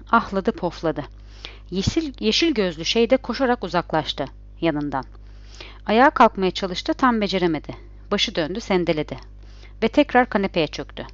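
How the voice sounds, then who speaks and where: A woman's voice: mid-range voice, dry recording. Woman reading a suspense story, dull lo-fi. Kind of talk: scripted suspense narration.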